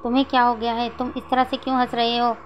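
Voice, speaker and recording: A sulky, snappish young man, read by a woman narrator in a storybook retelling. The voice is high and keeps a flat melody, with faint hiss in the background. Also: quick pace, muffled recording, lightly acted. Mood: puzzled, sulky.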